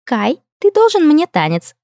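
A woman's voice: high voice, wildly swooping pitch, measured pace, darkish tone, dry recording, clean studio sound, pitched above the performer's own voice, exaggerated voice. A woman voicing a young elf princess who is bubbly and bossy, in an audiobook reading. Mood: sweet. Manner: chirpy, insistent.

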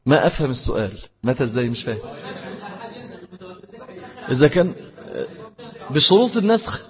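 A man's voice: mid-range voice, big pitch swings, fairly quick, long reverb tail. A man with an Egyptian accent teaching a religious lesson, explaining step by step and repeating key phrases. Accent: Egyptian Arabic. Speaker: Islamic teacher. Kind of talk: religious lesson with answers to questions.

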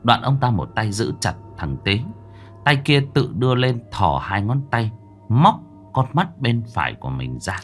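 A man narrating a horror story in a dramatic, suspenseful manner, slowing down for tense moments. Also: lowish voice, big pitch swings. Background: soft background music.

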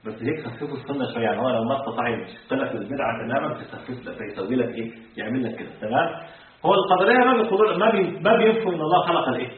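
Male sheikh, brisk lecturing with questions to the class; far-off mic, phone-thin, heavy hall echo. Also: medium pitch, expressive. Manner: asks the class questions and drops into colloquial asides; slows to a deliberate pace when reciting the text. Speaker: sheikh teaching creed. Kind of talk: religious lesson to a class. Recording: distant, phone-like, echoey hall.

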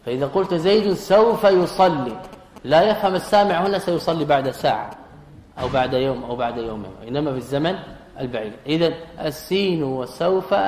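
A man's voice: a little high, a little mellow, a little hiss or hum. A man teaching grammar in a classroom lecture, asking rhetorical questions and answering them himself, and repeating key phrases. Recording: echoey hall with long reverb.

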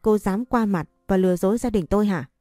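A woman's voice: fairly low pitch, a little fast, mellow, no echo, studio quality, soft background music, close to an everyday voice. A woman voicing a stern, scornful older mother-in-law who scolds and demands in a storybook reading. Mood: angry.

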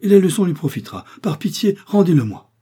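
A man's voice: on the low side, normal speed, warm tone, husky. A man voicing a middle-aged aristocratic father who pleads emotionally, in a raised voice. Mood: desperate pleading.

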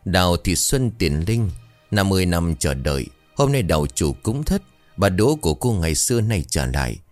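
A man's voice: sits low, sing-song, moderate pace, a little mellow, no echo, soft background music. A man voicing a stern old female ritual master who commands and chants incantations. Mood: chanting.

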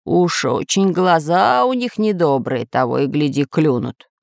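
A woman's voice: sits low, a little slow, vocal fry, dry recording, clean studio sound. A woman doing a hearty, boisterous pirate man.

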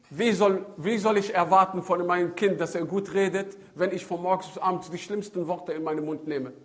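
Preaching on child-rearing, a middle-aged man speaks in a high-sitting voice, dramatizing conversations and repeating lines for effect. He asks rhetorical questions and code-switches into Arabic phrases throughout his lively, story-driven sermon.

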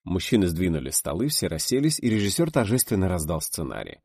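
A man's voice: deep voice, big pitch swings, fast talker, darkish tone, slightly rough, no room sound, studio quality. A man narrating an audiobook, reading expressively and voicing the characters.

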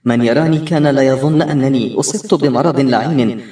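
A man reading an audiobook as a first-person narrator, expressive and tense. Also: medium pitch, a little fast. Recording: roomy, distant-miked recording.

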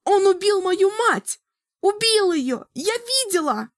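A shrill, wildly swooping voice of a young sorceress wild with grief and fury. She screams her accusations high and hard. The recording is close and dry. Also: big pitch swings, slow, dry recording, heavily acted. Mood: hysterical rage. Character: young girl sorceress, grief-stricken and furious. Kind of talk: audiobook character voice.

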